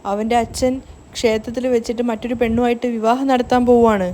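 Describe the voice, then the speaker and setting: A woman's voice: a little high, level tone, quick pace, mellow, a little hiss or hum, natural voice. A woman reading the lines of a desperate, heartbroken young woman who keeps begging for help, in a serial recap. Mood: pleading. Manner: begging, pleading.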